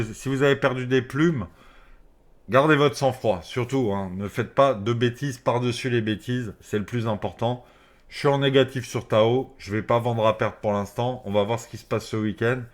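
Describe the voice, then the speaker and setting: A man's voice: medium pitch, moderate pace. A man speaking through a face mask, giving casual, off-the-cuff market commentary to his viewers in informal, slangy language with some swearing. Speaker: crypto trading video host.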